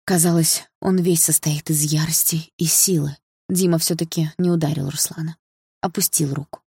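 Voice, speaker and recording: A woman narrates a first-person audiobook in a calm, reflective way. Her voice sits low, and the recording is dry and close. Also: moderate pace, slightly rough, no echo.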